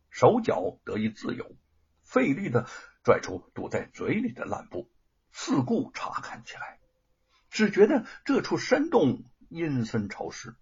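Brief: husky male storyteller, very animated pitch, dull recording. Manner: lively, dramatic storytelling. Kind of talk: serialized audiobook narration.

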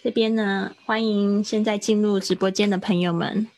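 A woman in her thirties teaching English in a chatty livestreamed lesson, explaining step by step and slowing down to sound out words. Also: medium pitch, steady tone, darkish tone, no echo.

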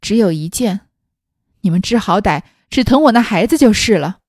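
Lady reading a scornful sick young noblewoman, louder than the narration, mellow dark tone, dead dry sound. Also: medium pitch, expressive, normal speed, no echo, natural voice. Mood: mocking. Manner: scornful and cutting. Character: sharp bitter ailing young noblewoman.

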